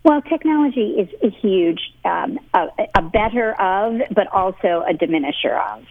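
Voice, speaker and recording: A woman's voice: medium pitch, lively intonation, moderate pace. Woman guest on a tinny phone line. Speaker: interview guest, author and communications executive. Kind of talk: conversational interview answers.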